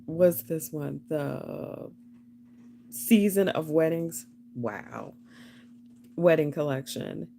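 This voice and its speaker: Slow, low-voiced chatty woman. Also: animated, gravelly, dark tone, a little hiss or hum. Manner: chatty and rambling, laughs often. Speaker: live-stream host. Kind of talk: casual live-stream chat.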